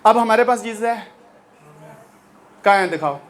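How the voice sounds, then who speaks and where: A male pastor preaching a sermon with fervour, rising to shouts and dropping low, and acting out the voices of his congregation. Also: unhurried.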